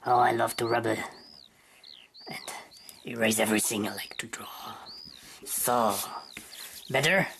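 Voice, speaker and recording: Very low-voiced woman teaching drawing. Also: background noise. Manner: halting, searching for words in English; thinking aloud while sketching. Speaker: drawing tutorial host. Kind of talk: drawing tutorial narration.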